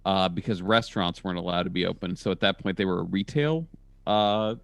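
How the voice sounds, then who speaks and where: A man chatting over a video call about his comedy work, jumping up in pitch whenever he quotes people in his stories. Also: brisk, gravelly, no room sound. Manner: animated storyteller with sudden pitch jumps when quoting people. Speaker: comedian and comedy label engineer. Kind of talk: casual video-call podcast chat. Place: home in a college town.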